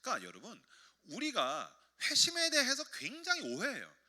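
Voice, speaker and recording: A middle-aged man preaching a sermon as pastor, animated and expressive, loud in exhortation and soft when telling family stories. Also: extremely high pitch, normal speed.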